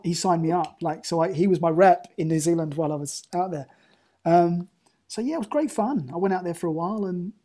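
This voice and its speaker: A man's voice: on the high side, dark tone. A man, an actor as interview guest, telling long anecdotes with lots of restarts over a remote call. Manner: rambling anecdotes with many restarts. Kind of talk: casual interview chat.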